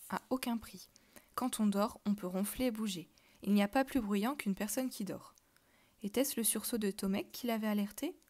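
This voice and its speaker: A woman reading a children's novel aloud, telling the story softly and dropping to a whisper at tense moments. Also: mid-range voice. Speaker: reader.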